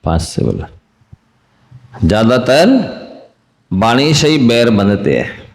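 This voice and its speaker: Male monk preacher, unhurried sermon delivery, repeats phrases, echoey reverberant hall. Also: lowish voice, big pitch swings. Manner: slow, deliberate, repeats key phrases.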